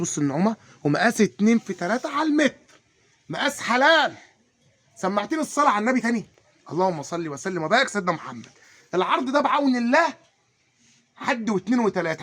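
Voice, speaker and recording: A man with an Egyptian accent giving an energetic carpet sales pitch, repeatedly urging viewers to look. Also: slightly rough. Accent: Egyptian Arabic. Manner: repeats urgent calls to look, hawking patter. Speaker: carpet seller. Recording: noisy background.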